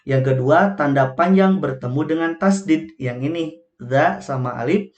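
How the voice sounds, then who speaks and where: A man teaching Quran reading rules in a patient way, often adding a short check-in tag and slowly chanting the Arabic examples. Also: on the high side. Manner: patient, repeats "gitu ya" often. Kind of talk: online tajweed lesson. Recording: echoey room.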